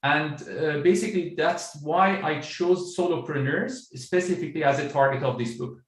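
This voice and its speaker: Over a video call, a middle-aged Iranian man who works as an author and business coach answers interview questions in a measured, explanatory manner, using plenty of fillers. His voice is a little high, and he's recorded from a distance in an echoey room.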